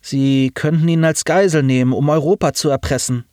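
A man's voice: on the high side, fairly even intonation, normal speed, darkish tone, no room sound, studio quality, voice pushed up, lightly acted. A man voicing a worried young wife who gives blunt, urgent warnings.

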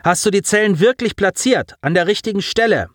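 A man doing a nervous, hurried soldier. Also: a little high, animated, fairly bright tone, no room sound, studio quality, pitched above the performer's own voice. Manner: hurried, unsure.

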